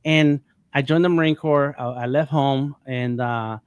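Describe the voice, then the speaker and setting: Halting, rambling middle-aged man. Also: medium pitch, fairly even intonation, smooth, no echo, muffled recording. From United States. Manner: rambling, halting, many restarts. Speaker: panel guest. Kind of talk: casual panel talk.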